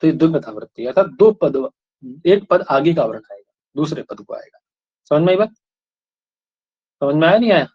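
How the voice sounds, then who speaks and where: A man's voice: a little high, very animated, normal speed, pauses often, husky. A male teacher giving a classroom lecture, asking students questions again and again and checking that they follow. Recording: dull lo-fi recording.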